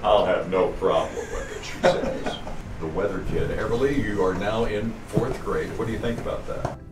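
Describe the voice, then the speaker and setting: A man's voice: fairly low pitch, steady tone, moderate pace, recorded from a distance. An older man hosting a radio show, joking easily with a young guest in a small studio. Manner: joking, easygoing teasing. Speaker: radio host. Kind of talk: friendly radio studio banter. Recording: roomy, off-mic, noisy.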